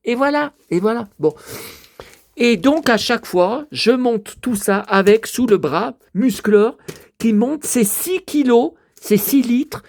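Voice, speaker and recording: A man's voice: extremely high pitch, expressive, takes it slowly, gravelly, a little mellow, no echo. A man in his fifties talking casually to the camera at home as a vlogger, rambling and swearing often while showing his shopping. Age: 50s. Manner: breathless from carrying heavy bottles. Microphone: handheld camera held while talking.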